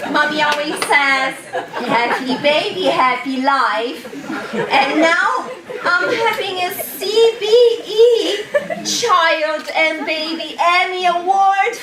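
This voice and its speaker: A woman playing a vain, gushing female do-gooder in a live pantomime, shrill and camp in her overacting. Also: recorded from a distance. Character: vain, gushing, self-important female do-gooder named Melinda. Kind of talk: live pantomime stage comedy, addressing the audience. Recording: roomy, noisy live theatre recording from afar. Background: audience noise.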